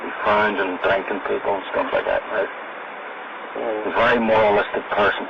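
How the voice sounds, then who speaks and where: Low-voiced Belfast man on muffled hidden-mic tape. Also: steady tone, fairly quick, creaky, very noisy. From Northern Ireland. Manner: tags phrases with "right?" and "you know". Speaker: informant being interviewed. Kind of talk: covertly recorded conversation. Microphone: hidden microphone.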